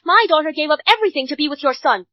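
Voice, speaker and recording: A woman's voice: high voice, lively intonation, rapid-fire, dry recording. A woman dubbing an indignant mother firmly defending her daughter. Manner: firm, indignant. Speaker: bride's mother. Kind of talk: English drama dub. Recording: dull dry studio dub.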